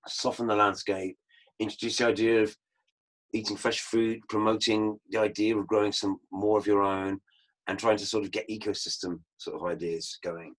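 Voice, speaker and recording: A man with a somewhat low voice gives an online lecture over his slides. He tells his stories in an unhurried, anecdotal way, as a teacher sharing field experience. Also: little pitch movement, poor audio. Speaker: permaculture teacher.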